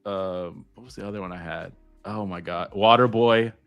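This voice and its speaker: A man's voice: low-pitched, moderate pace, gravelly, smooth, faint music behind. A man of thirty co-hosting a sports podcast in casual chat, easygoing and teasing. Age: 30s. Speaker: podcast co-host.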